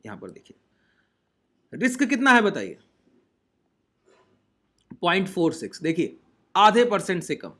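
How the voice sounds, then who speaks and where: Bright, high-voiced man teaching trading. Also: wildly swooping pitch, slow pace, pauses often. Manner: explains step by step, often checks in with listeners. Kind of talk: screen-share trading lesson.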